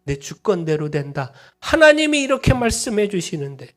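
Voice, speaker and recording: Middle-aged male pastor, sermon into closing prayer, swings from fervent emphasis to soft pleading, voice pitched a bit high. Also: very animated, normal speed. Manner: swells to impassioned high emphasis, then drops to hushed earnest pleading.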